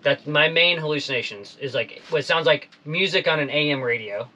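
A man in his forties hosting a casual interview in a small boat cabin, talking in a relaxed, laid-back way. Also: on the high side, a little fast, rough recording. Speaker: podcast host.

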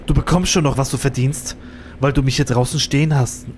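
A man's voice: medium pitch, steady tone, brisk, a little hiss or hum, natural voice. A man voicing a menacing male stalker who pleads falsely and then threatens. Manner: sneering, threatening, falsely friendly.

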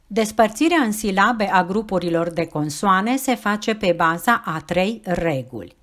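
A woman teacher reads out a scripted lesson. Her delivery is clear, measured and explanatory, and her voice sits at a middle pitch.

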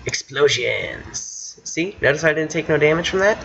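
A man chatting away over his gameplay in a bright, forward voice. He rambles and brags as he plays. His lo-fi mic sounds dull, with a faint hiss underneath. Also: fairly high pitch, fairly even intonation, quick pace. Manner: rambling, boastful, talks to himself while playing. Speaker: gamer. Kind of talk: casual gameplay commentary.

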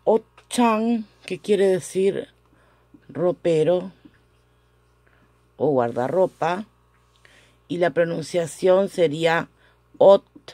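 A woman teaching a language lesson, who repeats each word slowly and corrects her own pronunciation, recorded on a phone. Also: on the low side, dark tone, no echo. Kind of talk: slow, careful language lesson. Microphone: phone camera.

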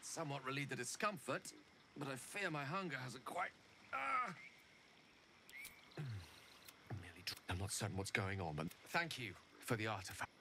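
A learned wizard in a fantasy game, courteous but uneasy. He speaks formally and falters between thoughts, his pitch moving widely. Noticeable background noise sits under his voice. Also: big pitch swings, normal speed, pauses often, pushed and bright, exaggerated voice. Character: troubled male wizard, polite and learned. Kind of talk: video game voice acting.

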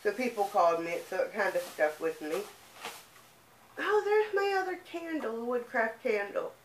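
In an echoey room with faint background noise, a young vlogger with a somewhat high, sing-song voice chats about her shopping haul. She has a lisp and a speech impediment, and her show-and-tell is relaxed and leisurely.

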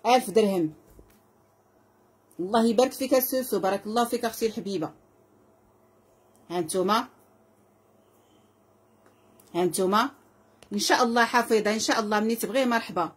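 Woman, Moroccan accent, live sales host, fast, husky, effusive. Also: medium pitch. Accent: Moroccan Arabic. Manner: effusive, repetitive, calls out prices and blessings to viewers.

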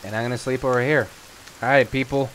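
Over clear background noise like falling rain, a man with a mid-pitched voice chats casually. He talks as the host of a co-op gaming session, keeping up loose commentary with his teammates. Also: steady tone, fast, fairly bright tone, rough recording. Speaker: host of a gaming video series. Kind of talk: casual co-op gameplay chat.

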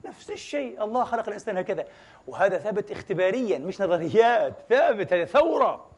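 Animated, fast-talking preacher. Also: male voice, high voice, breathy edge, muffled recording. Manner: animated, many rhetorical questions to the congregation; mixes formal Arabic with colloquial dialect and foreign words. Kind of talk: Friday sermon.

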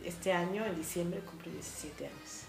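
A woman's voice: lowish voice, moderate pace, vocal fry, reverberant, music in the background. A woman in her forties with a Mexico City Spanish accent, a funeral director telling her story in a casual interview, full of fillers. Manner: lively storytelling with frequent fillers. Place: small art-filled room indoors.

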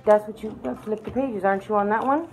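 A woman's voice: mid-range voice, quick pace, slight background noise. A woman, a mom hosting a family vlog, chatting and teasing casually.

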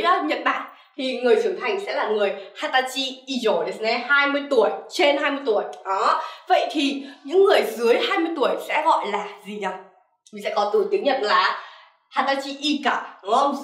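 A woman's voice: on the high side, fairly bright tone, recorded from a distance. A young woman teaching Japanese vocabulary in a lesson, calling herself sensei and often checking with "right?". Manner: keeps asking "right?" as a checking tag. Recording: echoey room, voice off-mic.

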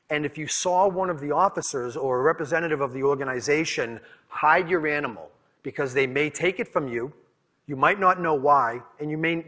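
A New England man with a Boston accent gives a conference presentation in a conference room, telling stories candidly and often repeating or restarting words. His voice is fairly high with a fairly bright tone.

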